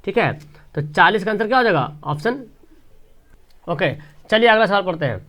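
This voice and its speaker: A man's voice: expressive, normal speed, fairly bright tone. A man, teaching by reading out exam questions and options, repeating each point and dropping his voice on the answer. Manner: reads options then explains, repetitive, drops pitch on answers.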